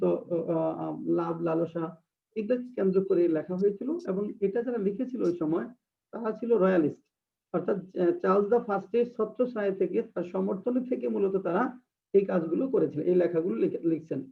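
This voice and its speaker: Gravelly, high-voiced man teaching. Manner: hesitant, frequent filler sounds, slowly dictates and repeats definitions. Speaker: English literature teacher. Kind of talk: online exam-prep lecture. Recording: distant, tinny phone-like sound.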